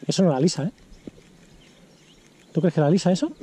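A man vlogging a fishing trip in casual, excitable, slang-filled chatter, recorded outdoors by a river on an action camera. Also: fairly high pitch, a little fast, a little hiss or hum.

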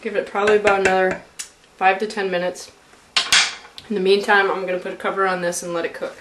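A fast-talking young woman with a mid-range voice and little pitch movement cooks casually at home for her vlog. Her manner is chatty, full of joking asides to the camera. The indoor kitchen echoes, and the distant camera mic makes the recording noisy.

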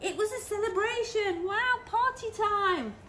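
Lively woman reading a picture book. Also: very high-pitched, measured pace, a little hiss or hum. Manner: animated, with gasps and questions to the children. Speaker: nursery teacher. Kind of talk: reading a picture book aloud to young children.

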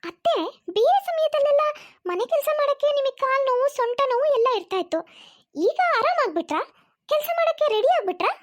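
A woman doing a sneering high-voiced sister-in-law. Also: animated, a little fast. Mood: scornful. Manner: sneering, mocking questions. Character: haughty young woman, scornful sister-in-law.

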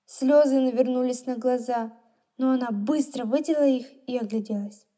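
High-voiced woman reading a children's story. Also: normal speed. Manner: expressive, storytelling. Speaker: narrator.

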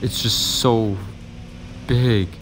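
A young man casually commentating his own mobile game, muttering to himself with sudden excited yelps and growing frustration. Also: on the low side, drawn-out words, noisy background. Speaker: gaming channel host.

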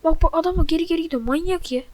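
A woman giving gameplay commentary into a desk microphone, exasperated and loudly mocking her teammates. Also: very high voice, very fast, dry recording, low-quality recording. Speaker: gamer.

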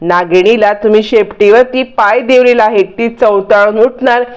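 A woman's voice: mid-range voice, steady tone, normal speed, lightly acted. A woman voicing a scheming, overconfident young woman who threatens everyone, in a taunting way. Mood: threatening.

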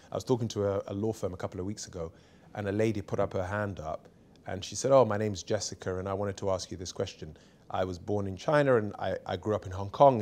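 Interview guest, man, 40s, lowish voice, frank and forceful, small studio, lapel mic. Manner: emphatic, candid, lively anecdotes. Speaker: barrister and author, interview guest. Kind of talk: seated conversational interview. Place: small bright studio set.

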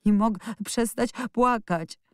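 A woman's voice: medium pitch, normal speed, warm tone, dry recording, clean studio sound, pitched above the performer's own voice, natural voice. Woman doing a stammering, sobbing sick boy. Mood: wailing. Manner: stammering through sobs. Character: hysterical sobbing sickly boy.

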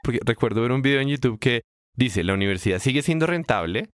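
A man co-hosting a casual podcast, explaining ideas with emphatic rises in pitch. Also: fast talker, slight background noise. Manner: explanatory, animated pitch jumps when stressing points. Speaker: podcast co-host.

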